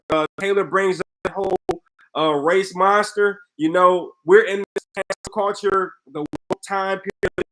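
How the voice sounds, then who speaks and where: Chatty man with a higher voice. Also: a bit bright, poor audio. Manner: chatty, frank, reads comments aloud and answers. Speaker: podcast host reading viewer comments. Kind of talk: casual live-stream chat.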